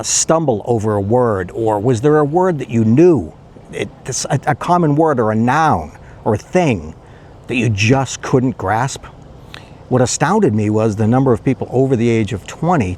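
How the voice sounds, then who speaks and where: A man's voice: mid-range voice, a little mellow, a little hiss or hum. An older man telling a rambling, self-deprecating story in a casual vlog. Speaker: retiree vlogger and pizza delivery driver.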